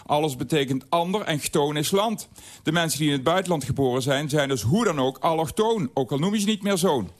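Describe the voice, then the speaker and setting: A man with a slightly raised voice reads his scripted column at a studio microphone. His delivery is wry and dryly humorous. He tells anecdotes and asides in an even, measured way. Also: fairly high pitch. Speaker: radio columnist. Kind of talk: reading a scripted radio column.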